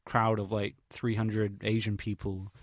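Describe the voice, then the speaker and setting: This English vlogger, a young adult with a fairly low voice, speaks a little slowly and in a level tone. His casual audio log is recorded close and dry, and he wanders hesitantly through recollections with slang, swearing and self-mockery.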